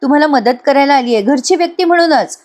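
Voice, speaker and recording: A woman's voice: high voice, expressive, fast talker, a little mellow, voice pushed up. A woman voicing an eager, polite young woman offering to help as a nanny.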